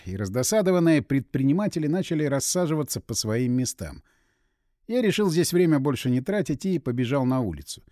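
A male audiobook narrator telling a first-person story with brisk, expressive delivery. His voice sits a touch high and moves through a lively, animated range. The recording is close and dry, with no room sound. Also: no echo.

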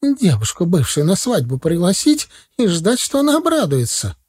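A man voicing a brash young female student who scolds loudly and indignantly in an audiobook scene. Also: high-pitched, wildly swooping pitch, moderate pace, slightly rough, dry recording, clean studio sound, pitched above the performer's own voice, full character voice. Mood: indignant scolding.

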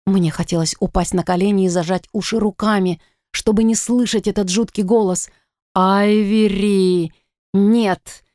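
A woman narrating a first-person fantasy audiobook in an expressive, dramatic reading. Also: medium pitch, fairly quick, dry recording, studio quality.

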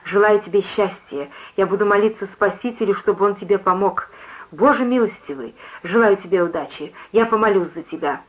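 A reader voicing a small, sharp-faced pious woman who prays in fervent whispers and curses spitefully, on a muffled lo-fi recording. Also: mid-range voice, fairly even intonation, brisk, few pauses, lightly acted.

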